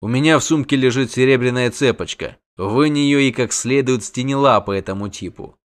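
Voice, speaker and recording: A man reading the part of a male monster hunter who gives calm, flat commands. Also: mid-range voice, takes it slowly, close to an everyday voice.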